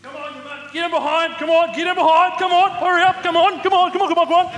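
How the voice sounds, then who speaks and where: A man playing a bright, whooping Kiwi shepherd. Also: extremely high pitch, quick pace, slight background noise. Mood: bossy. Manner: rambling, animated storyteller with loud whoops. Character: excitable chatty male shepherd, middle-aged. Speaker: shepherd character in a church Christmas play. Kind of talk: comic stage acting. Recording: echoey hall reverb.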